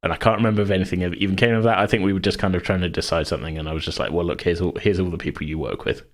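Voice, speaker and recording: Rapid-fire and rambling, a deep-voiced male podcast host thinks out loud in a casual conversation about the game he runs.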